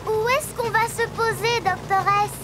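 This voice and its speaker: Super high bright little cartoon piggy girl, cheerful, sure of herself, takes her time. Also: steady tone, unhurried. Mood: bright, eager. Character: Peppa, cheerful confident little girl pig. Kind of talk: French preschool cartoon dub.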